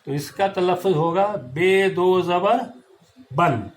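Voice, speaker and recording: A man's voice: sits high, poor audio. A male teacher giving a classroom grammar lesson, patiently spelling out letters and marks step by step.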